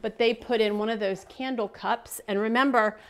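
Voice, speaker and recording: A middle-aged American woman vlogs casually to the camera while showing off her thrift finds, adding playful asides. Her voice is fairly high and a bit bright, with a steady tone and moderate pace.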